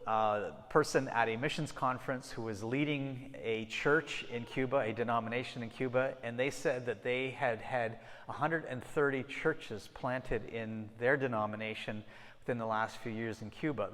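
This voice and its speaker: Recorded in a church sanctuary with a long hall reverb, this medium-pitched, slightly bright man is a middle-aged missionary guest speaker. He gives the congregation a conversational talk about missions, restarting sentences often. His background is Ecuador and Peru.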